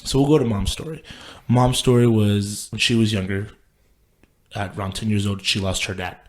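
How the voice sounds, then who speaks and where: With a lowish voice at normal speed and fairly even intonation, a late-twenties man from Texas shares his life story on a podcast. His talk is rambling and profane, packed with fillers such as "like" and plenty of restarts.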